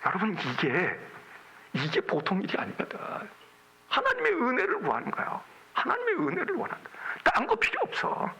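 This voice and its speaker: A middle-aged male pastor preaches in a loose, conversational way and slips into the voices of the people in his story. His tone is high and very bright, with a gravelly rasp. His pitch leaps up and down as he talks. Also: huge pitch swings, moderate pace, rough recording. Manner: colloquial storytelling, acting out quoted voices with wide swings. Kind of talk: sermon.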